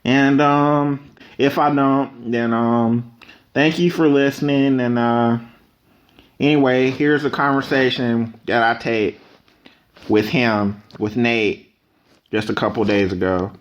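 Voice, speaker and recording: A man's voice: medium pitch, steady tone, slow. A man talking casually and unscripted as a solo podcast host, with rambling conversational asides. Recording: slightly dull, lo-fi microphone audio.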